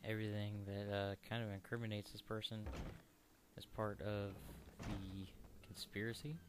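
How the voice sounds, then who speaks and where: A man giving casual, rambling let's play commentary, halting and searching for words. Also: lowish voice, little pitch movement, noisy background.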